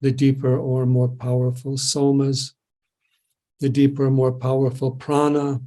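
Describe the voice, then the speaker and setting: A man delivers a spiritual lecture at a slow pace, with a soft-edged, mellow tone. He builds his thoughts in short, measured phrases, pausing as he goes. His pitch sits in the middle range for a man. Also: completely flat delivery. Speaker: keynote speaker.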